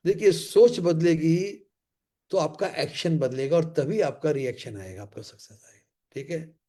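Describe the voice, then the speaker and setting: Emphatic high-voiced male motivational trainer. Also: warm tone. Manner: emphatic and repetitive, with slow English catchphrases. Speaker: leadership trainer.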